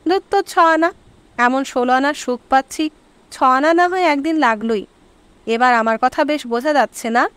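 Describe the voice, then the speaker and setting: Brief: teasing young wife in an audiobook, high and coaxing, read by a woman. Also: moderate pace, fairly bright tone, no room sound. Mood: playful.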